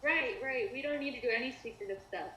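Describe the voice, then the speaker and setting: A woman's voice: sits high, quick pace, sharp tone. A woman playing Sonic as a young hero in training, giggling and teasing in live cosplay role-play over a call. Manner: giggly, playful. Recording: echoey live video call.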